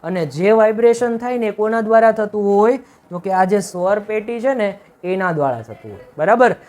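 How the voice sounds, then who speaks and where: A man's voice: high voice, darkish tone. A male teacher gives a classroom-style video lesson. He keeps asking questions and answering them himself, and often checks with "right?". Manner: repetitive, emphatic, checks with "right?".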